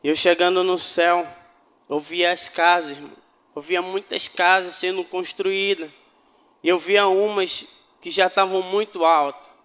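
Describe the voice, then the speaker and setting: A man's voice: high voice, steady tone, a little slow, a bit bright, clean tone, big-room sound. A man giving a fervent spiritual testimony to a congregation, often calling them brothers. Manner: fervent, addresses listeners as brothers. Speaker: church member giving testimony.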